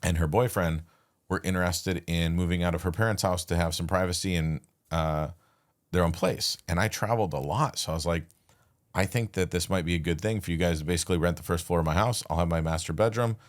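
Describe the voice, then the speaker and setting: Very deep-voiced man recounting a story. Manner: relaxed, halting retelling with restarts and quoted dialogue. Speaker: podcast guest. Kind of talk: casual storytelling.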